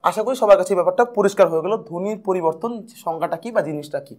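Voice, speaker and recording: Young guy teacher, talks fast, playful, keeps repeating stuff, high voice. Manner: lively, playful, repeats key points. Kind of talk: exam prep lesson.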